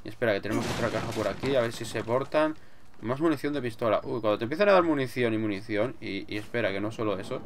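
A man's voice: medium pitch, animated, fast, slight background noise. A man with an accent from Spain giving casual, sweary gameplay commentary, muttering to himself as he plays. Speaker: gamer, let's player. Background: game music.

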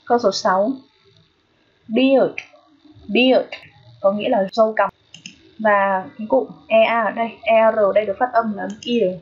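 Husky Vietnamese woman teaching English. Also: mid-range voice, steady tone, lo-fi sound. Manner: checks in with listeners often; repeats each word slowly. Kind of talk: phonetics lesson.

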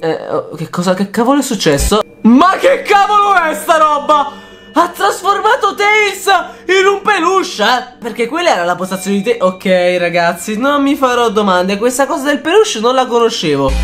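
A man hosting a reaction video, excitable and jokey, often bursting into shouted reactions. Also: very high voice, normal speed, soft background music. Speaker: YouTuber host.

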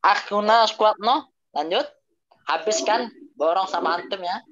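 A male teacher leads an online Arabic class, speaking slowly and deliberately. He drills word forms and echoes each student's answer back with corrections. The video call audio is dull and lo-fi. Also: sits high, background noise. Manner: mixes Arabic phrases into Indonesian explanations.

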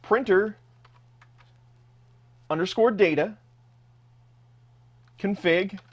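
A man's voice: high-pitched, very slow, dull audio. A man narrating a screen-recorded tech tutorial step by step in a casual, plain way. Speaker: host of a 3D printing tech channel.

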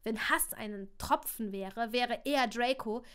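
A woman reading a story aloud on a livestream, expressive, with frequent small slips and corrections. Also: fairly high pitch, a little slow, clean tone. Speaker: channel host reading aloud.

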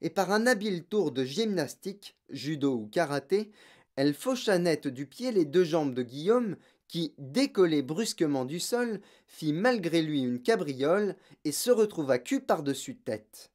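An audiobook narrator reading a children's novel in an expressive, dramatic way. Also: medium pitch, unhurried. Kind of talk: scripted storybook narration.

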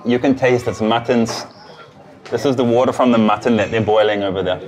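A man's voice: medium pitch, steady tone, a little fast, darkish tone, faint music behind. A man in his thirties hosting a travel vlog, explaining things casually and informally to camera. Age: 30s. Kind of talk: casual chat and commentary to camera. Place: busy street and small tiled eatery. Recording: crowd chatter around the voice.

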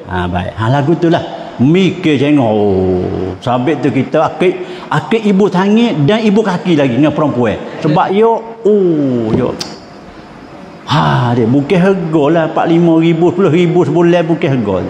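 A man's voice: fairly high pitch, expressive, normal speed, darkish tone, slight background noise. A man with a Pattani Malay accent giving a humorous Islamic lecture, telling anecdotes and chuckling often. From southern Thailand. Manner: anecdotal storytelling with frequent chuckles. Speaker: Islamic religious teacher. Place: mosque hall. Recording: echoey mosque hall.

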